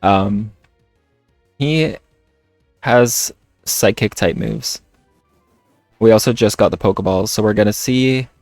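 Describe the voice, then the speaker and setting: A man chatting casually on a livestream while playing a game, talking in a hesitant, halting way. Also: on the low side, a little mellow, no echo, faint music behind. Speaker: streamer. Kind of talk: casual livestream chat over gameplay.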